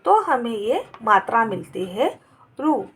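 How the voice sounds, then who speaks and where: Slow, gravelly-voiced woman teaching. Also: a little high, very animated. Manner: slow, patient word-by-word dictation. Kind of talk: Hindi grammar lesson.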